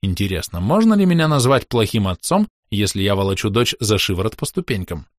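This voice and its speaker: A man's voice: on the low side, sing-song, brisk, no echo. A man narrating a first-person audiobook in a dry, weary, wry manner.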